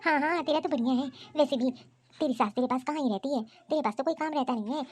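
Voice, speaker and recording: Bossy, scheming older mother in a cartoon story, doling out gossiping advice, as a woman puts her on. The voice is high yet mellow. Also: fast, close to an everyday voice.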